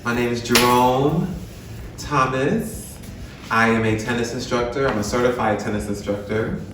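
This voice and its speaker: A man's voice: medium pitch, moderate pace, background noise. A man of thirty introducing himself as a tennis instructor, earnest and plain-spoken. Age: 30s. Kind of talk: casual self-introduction. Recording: echoey room, distant mic.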